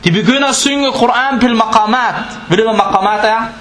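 High-pitched guy preaching, quizzing the crowd, sounds roomy and echoey. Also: a bit bright. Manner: explains Danish, quotes Arabic scripture fast, asks the listeners questions. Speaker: Islamic preacher. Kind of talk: religious lecture.

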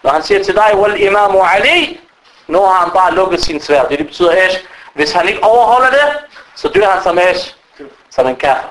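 A man with a high-pitched voice delivering a religious lecture. He tells stories in a lively way and keeps putting rhetorical questions to his listeners. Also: low-quality recording. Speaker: preacher.

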